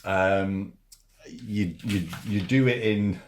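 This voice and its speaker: A man giving a casual, hands-on product review in an informal, halting way, repeating himself as he demonstrates. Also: fairly low pitch, a little hiss or hum.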